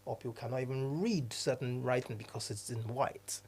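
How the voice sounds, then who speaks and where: Nigerian-born male podcast co-host, earnest and halting, in relaxed conversation. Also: mid-range voice, breathy edge. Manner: earnest, repeats and restarts phrases, laughs often. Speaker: podcast co-host, diversity consultant. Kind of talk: casual chat.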